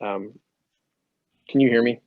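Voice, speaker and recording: A man's voice: medium pitch, measured pace, phone-quality sound. A man giving a hesitant update over a video call whose audio keeps breaking up. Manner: hesitant, repeats words and restarts. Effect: choppy video-call audio that breaks up. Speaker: meeting participant giving a project update.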